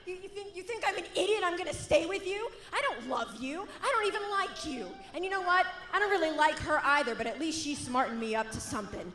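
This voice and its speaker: Female wrestler promo: high voice, confrontational, dramatic emphasis. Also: sharp tone, exaggerated voice. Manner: emphatic, theatrical. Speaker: pro wrestler.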